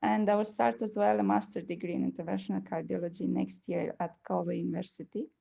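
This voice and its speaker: A young woman from Romania, speaking with a Romanian accent. She presents a medical case carefully and hesitantly, with many fillers. Her voice is gravelly, dark and mellow. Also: medium pitch, steady tone, quick pace. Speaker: presenting doctor.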